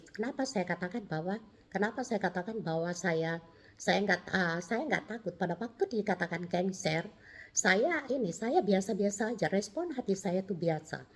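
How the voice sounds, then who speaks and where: A middle-aged woman, giving a personal testimony in an animated, storytelling way, acting out the dialogue and often restarting her sentences. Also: mid-range voice, normal speed, husky. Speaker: testimony speaker.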